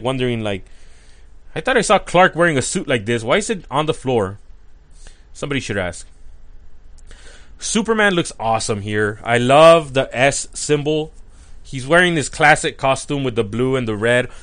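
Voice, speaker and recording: A man talks through an old cartoon in a relaxed, conversational commentary. He sounds openly excited and keeps dropping in casual fillers. His voice sits at an ordinary, middle pitch. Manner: enthusiastic and chatty, with frequent "like" and "uh" fillers. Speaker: cartoon reviewer.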